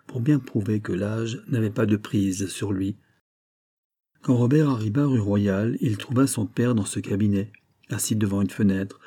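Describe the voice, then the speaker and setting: A man narrating a classic novel in a measured, even reading style. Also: lowish voice, breathy edge. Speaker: audiobook narrator.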